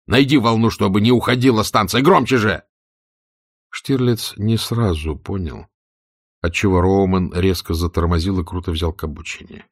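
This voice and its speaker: A man narrating a novel in a measured, steady audiobook reading. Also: low voice.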